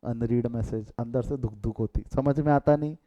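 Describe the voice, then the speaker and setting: A man's voice: medium pitch, moderate pace, mellow, muffled recording. A middle-aged man with an Indian accent teaching a live online commerce class, mixing Hindi and English, quizzing his students and breaking off into chatty asides.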